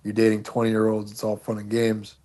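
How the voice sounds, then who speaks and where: A man with a somewhat low voice hosts a casual debate. He builds his questions methodically, one step at a time, to press his point. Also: monotone, brisk, warm tone. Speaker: host.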